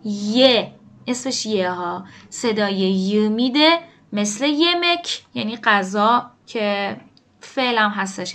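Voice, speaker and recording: A woman teaching a language lesson, explaining pronunciation to learners and slowly repeating example words. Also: medium pitch, a bit bright. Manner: slow drawn-out repetition of example words.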